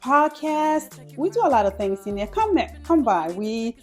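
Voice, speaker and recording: A woman's voice: on the high side, very animated, a little slow, soft background music. A woman in her thirties from Liberia, a business owner answering interview questions casually, with lots of "you know" fillers.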